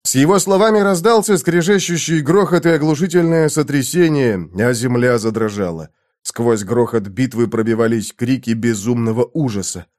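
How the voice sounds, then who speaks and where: A man narrating an epic adventure audiobook in a low, weighty storytelling manner. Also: moderate pace, darkish tone.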